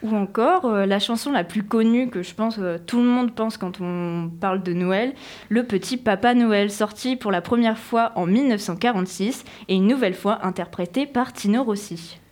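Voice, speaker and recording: Jeune femme bavarde, chronique radio. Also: female voice, mid-range voice, moderate pace, a little mellow. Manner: chatty, self-mocking, with fillers. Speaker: radio columnist. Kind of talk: read radio column with casual asides.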